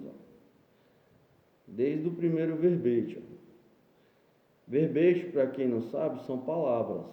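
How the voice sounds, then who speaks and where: A male teacher with a Brazilian Portuguese accent from Ceará, giving a remote lesson and explaining each point patiently, often checking in with "né?". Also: on the high side. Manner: slow, patient, explains step by step with frequent "né?". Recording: echoey room, dull lo-fi sound.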